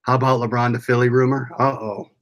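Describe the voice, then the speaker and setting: A man's voice: medium pitch, little pitch movement, quick pace, highs cut off. An American man hosting a casual livestream, rambling along as he reads and answers viewers' comments aloud. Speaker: livestream host.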